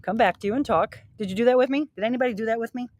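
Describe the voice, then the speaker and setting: A middle-aged fitness and wellness coach hosts a live-streamed workout outdoors at her home, beside a grilling area. Encouraging and energetic, she gives motivational talk in a fairly high voice at a racing pace, slightly out of breath as she exercises along.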